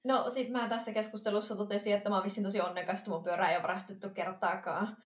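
A woman co-hosting a casual podcast chat, telling an everyday story in a lively way and acting out bits of dialogue. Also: mid-range voice. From Finland. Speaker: podcast co-host. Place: lives in Amsterdam. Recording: roomy echo.

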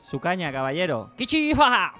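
A man's voice: high-pitched, sing-song, moderate pace, bright, forceful tone, soft background music, exaggerated voice. A man playing a restaurant waiter who throws in made-up Japanese phrases in a comedy radio sketch. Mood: polite. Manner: blurts made-up Japanese interjections.

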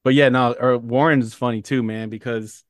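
A man's voice: medium pitch, steady tone, normal speed, no room sound, studio quality. A man co-hosting a movie podcast, rambling through casual chat with lots of fillers and casual swearing. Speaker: podcast co-host.

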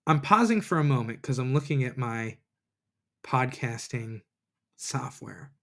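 A man's voice: medium pitch, animated, unhurried, a bit bright. A man hosting a podcast, thinking aloud in a casual, reflective monologue and retelling scripture in everyday words, recorded on a computer mic. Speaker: podcast host. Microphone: computer mic, recording in a browser app.

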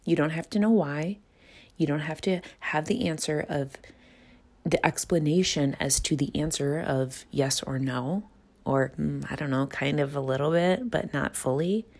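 A woman's voice: deep voice, unhurried, darkish tone. A woman hosting a solo self-help podcast, speaking earnestly and reflectively, often rephrasing and repeating herself for emphasis. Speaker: podcast host and coach.

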